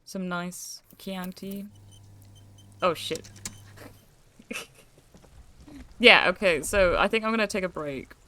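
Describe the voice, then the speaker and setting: A woman's voice: fairly low pitch, takes it slowly, long pauses, bright, forceful tone. Chatty young British woman streamer. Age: young adult. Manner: chatty, reads player lines aloud, hesitant with fillers. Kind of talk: casual game stream chat.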